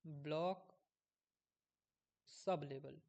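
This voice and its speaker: A man's voice: fairly high pitch, drawn-out words, gravelly, darkish tone. A man giving a casual coding tutorial, thinking aloud as he works, often losing his place and checking in with viewers.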